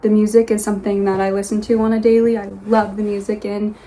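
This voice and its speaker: A young woman from Los Angeles talking casually to her phone camera from her bedroom, in a soft, rambling way with many pauses and restarts. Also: medium pitch, flat delivery, poor audio. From Los Angeles, USA. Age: young adult. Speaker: vlogger. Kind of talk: casual get-to-know-me vlog. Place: her bedroom, sitting on a yoga mat.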